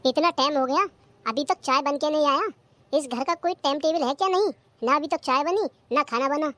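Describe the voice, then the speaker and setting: A performer voicing an idle, demanding young husband in a cartoon comedy. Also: male voice, very high-pitched, moderate pace, pushed and bright, slight background noise. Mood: whiny.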